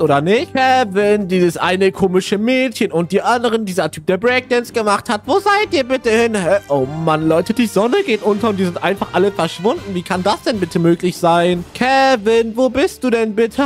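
A young man narrating his game short film to viewers, chatty and puzzled. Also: high voice. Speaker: youtuber voicing his game character.

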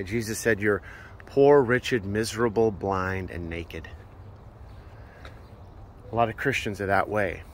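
Slight background noise accompanies a lowish-voiced man in his thirties who preaches earnestly, with many filler words, while vlogging on a walk. He films himself on a phone at arm's length at outdoor ancient ruins on an open hillside, working as a preacher vlogger.

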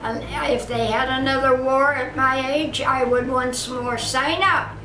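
A woman's voice: sits high, fairly even intonation, unhurried, sharp tone, slight background noise. A woman in her nineties giving spirited, proud personal testimony at home. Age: 90s. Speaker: interviewee, former wartime shipyard worker. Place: home room indoors. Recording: roomy echo, voice far from mic.

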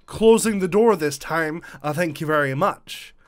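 A man's voice: a little high, unhurried. A man in his thirties with a Canadian accent, giving jokey, reactive let's play commentary with swearing. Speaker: gaming YouTuber. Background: game music.

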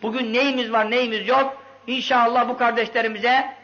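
A man preaching a sermon with impassioned storytelling, swinging from loud outbursts to hushed lines. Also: very high-pitched, level tone, moderate pace. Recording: dull lo-fi recording.

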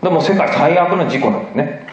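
Animated man lecturing in an echoey hall. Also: fairly high pitch, fast, slight background noise. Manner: animated, emphatic, often tags phrases with "ne". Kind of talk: public lecture with slides. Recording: echoey hall, dull lo-fi recording.

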